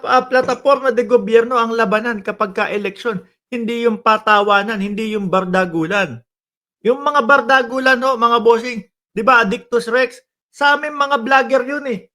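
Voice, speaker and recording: A man's voice: very high voice, bright, forceful tone. A man giving casual political commentary as a vlogger, in a mocking, chatty way, often calling out to his viewers. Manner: mocking, chatty, addresses viewers as bossing and kababayan.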